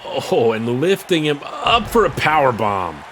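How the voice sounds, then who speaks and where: Male wrestling commentator over clear background noise. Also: mid-range voice, very animated, a little slow, fairly bright tone. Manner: calls the action in short bursts.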